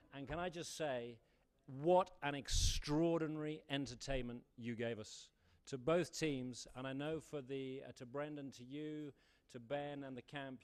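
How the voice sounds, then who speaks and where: A man's voice: medium pitch, smooth. A middle-aged man giving an enthusiastic formal dinner speech as a diplomat, with frequent ums and uhs.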